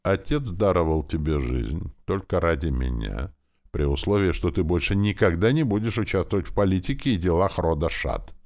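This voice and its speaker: A man's voice: lively intonation, normal speed. A man voicing a desperate, defiant noblewoman who pleads with her son, in an audiobook. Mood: pleading. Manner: pleading, rising to shrill defiance. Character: desperate aging noblewoman, a prince's mother, defiant.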